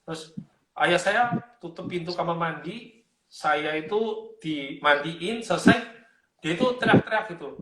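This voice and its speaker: A man telling a personal story in a casual interview, lively, acting out other people's voices as he goes. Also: on the high side, unhurried, heavy background noise. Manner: animated, acts out the voices of his parents. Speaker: interview guest sharing life story.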